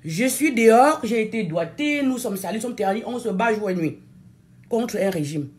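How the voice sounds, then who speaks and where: This impassioned political address comes from a Cameroonian woman, a native French speaker with her country's accent, speaking to viewers as an activist. Her fairly high, expressive voice is a little mellow, and she repeats phrases for stress in an emphatic, deliberate delivery.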